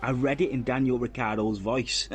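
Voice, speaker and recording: Faint music plays behind this race commentator, whose medium-pitched voice keeps a steady tone at normal speed. He reads out lap times and chats with viewers in casual live commentary on an online racing league.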